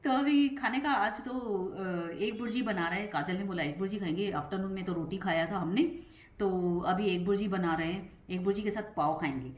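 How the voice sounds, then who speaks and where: A middle-aged woman chatting in a casual home vlog; she talks fast, trips over her words and laughs often. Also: mid-range voice, reverberant. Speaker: vlogger.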